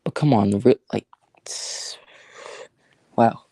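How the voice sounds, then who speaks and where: A man hosts a casual livestream, thinking out loud in halting, restart-filled sentences. His voice is low and gravelly, and the sound is dry and close. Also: no room sound. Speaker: livestream host.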